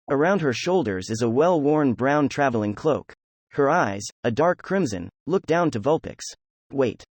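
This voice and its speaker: A man narrating a fan fiction audiobook in an even storytelling delivery. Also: medium pitch, no echo. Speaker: audiobook reader.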